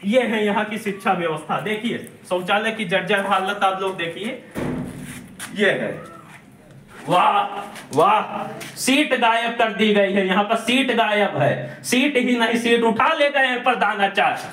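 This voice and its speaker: A man, a social activist, reporting indignantly and emphatically while walking around a village primary school, speaking loudly to the camera. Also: high voice, moderate pace, reverberant, a little hiss or hum. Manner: indignant, emphatic, loud denunciation. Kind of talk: on-the-spot investigative video report.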